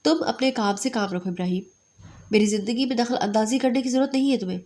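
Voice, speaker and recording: A woman's voice: on the high side, a little mellow, lightly acted. A woman voicing a grieving young divorced woman who speaks bitterly and wearily. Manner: bitter, tired.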